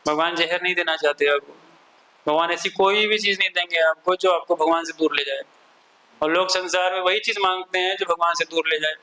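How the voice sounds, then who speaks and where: A man's voice: fairly high pitch, fairly even intonation, fairly quick, pushed and bright, poor audio. A man with an Indian accent giving a scripture class, mixing Hindi and English and quoting Sanskrit verses. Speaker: spiritual teacher.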